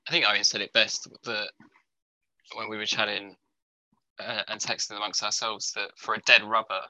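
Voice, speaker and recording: Male podcast co-host, sharp bright tone, dry sound, analytical casual sports chat. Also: on the low side, dry recording, poor audio.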